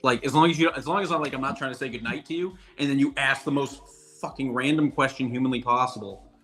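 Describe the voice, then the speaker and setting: A man's voice: mid-range voice, fast, pushed and bright. A man co-hosting a live golf show, blunt and joking, swearing offhand. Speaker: co-host. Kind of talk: casual live show chat.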